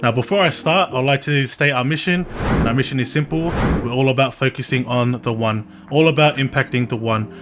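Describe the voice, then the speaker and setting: A man hosting a podcast in casual, earnest, slangy talk, often halting and repeating words. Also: mid-range voice, noisy background. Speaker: podcast host. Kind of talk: casual chat.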